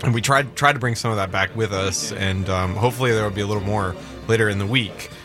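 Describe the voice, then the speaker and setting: A man co-hosting a radio show from a studio, teasing his partner with dry, deadpan jokes. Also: fairly low pitch, fast, over music. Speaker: radio co-host. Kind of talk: casual on-air banter.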